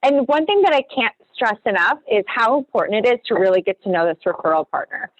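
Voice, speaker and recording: A woman's voice: on the high side, very animated, quick pace, no echo. Woman, real estate co-host, screen-share tutorial, chatty, apologetic asides, video call, lo-fi. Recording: dull, dry lo-fi video call.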